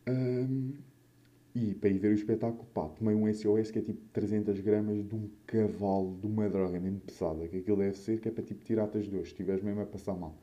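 A man's voice: lowish voice, fairly even intonation, fast talker, dark tone, dull audio. A young man with a European Portuguese accent chatting casually and alone as a host, rambling through anecdotes with slang and swearing, his mouth a bit swollen after wisdom tooth removal. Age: young adult. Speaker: podcast or vlog host.

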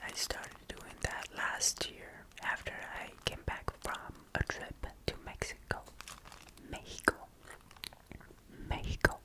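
A woman whispering in a breathy, unvoiced ASMR style, slowly and deliberately repeating trigger words as a video creator. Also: rough recording. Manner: slow, deliberate word repetition for tingles.

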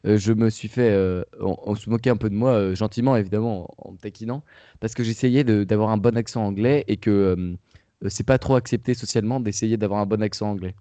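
A man's voice: lowish voice, fairly even intonation, brisk, dark tone, dry recording. A young man co-hosting a casual chat, talking with many fillers and restarts. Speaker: podcast co-host.

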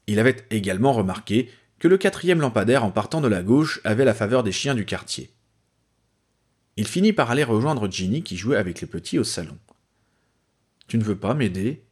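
A man reading a fan-fiction chapter aloud as narrator, telling it in a lively way. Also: lowish voice, brisk, husky. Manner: lively storytelling, voices the characters. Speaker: reader.

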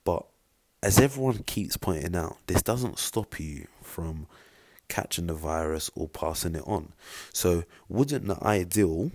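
A man's voice: sits low, animated, measured pace, a little mellow, no room sound. A man talking casually straight to camera, rambling with many fillers as he gives his opinion in a vlog. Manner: rambling, filler-heavy, conversational. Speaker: vlogger.

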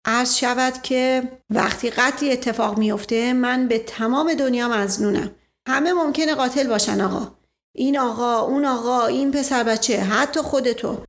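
A woman's voice: on the high side, natural voice. A woman doing a bullying, impatient police inspector. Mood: accusing. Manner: barks orders and repeats "quick, quick".

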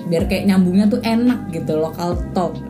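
A woman's voice: on the low side, moderate pace. A young woman co-hosts a casual podcast, speaking informally and slangily with English words mixed in. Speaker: podcast co-host. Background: music.

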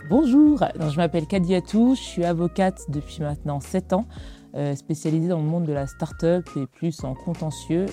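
A woman's voice: lowish voice, lively intonation, moderate pace, warm tone, soft background music. A woman lawyer from France, speaking in a confident, articulate way in a group discussion. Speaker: guest, lawyer.

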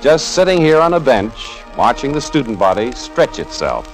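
A man's voice: mid-range voice, sing-song, moderate pace, faint music behind, low-quality recording. An actor playing a wisecracking middle-aged male journalism professor with a dry, sardonic manner, in 1940s radio acting style. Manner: sardonic, quippy. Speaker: narrator and lead.

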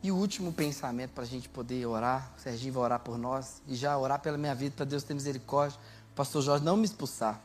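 A Brazilian man preaching a lively sermon, telling stories and shouting out praises. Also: mid-range voice, fast talker, faint music behind. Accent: Brazilian Portuguese. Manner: animated storytelling, shouting praises.

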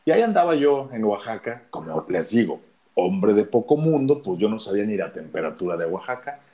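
Chatting casually, this deep-voiced man, a radio announcer with a Mexican Spanish accent, recounts his story and performs the dialogue. He sounds warm and sing-song, speaking a little fast.

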